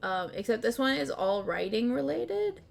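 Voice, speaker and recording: A woman streamer chatting casually and easily while hosting party games on a livestream, often quick to laugh. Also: a little high, very animated, gravelly. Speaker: streamer and host. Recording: music playing behind the voice.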